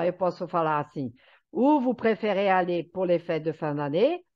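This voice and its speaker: A woman who is a teacher giving an online lesson, explaining patiently and often checking that her students follow. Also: mid-range voice. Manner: explanatory, checks understanding with frequent "tá?". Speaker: French teacher. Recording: slightly dull lo-fi sound.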